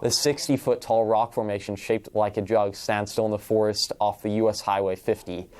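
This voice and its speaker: A man's voice: on the low side, flat delivery, moderate pace, darkish tone, smooth. A male student presenter reading scripted background facts in an informative, explanatory way. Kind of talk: scripted narration.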